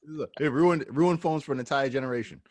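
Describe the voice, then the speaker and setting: A man's voice: medium pitch, brisk, a little mellow, no room sound. A man co-hosting a casual podcast, chiming in with playful complaints. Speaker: podcast co-host.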